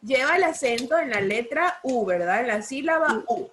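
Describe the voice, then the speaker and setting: A woman's voice: fairly high pitch, lively intonation, moderate pace, fairly bright tone, slight background noise. A woman teaching a primary school class online by video call, patiently repeating points and checking understanding with questions.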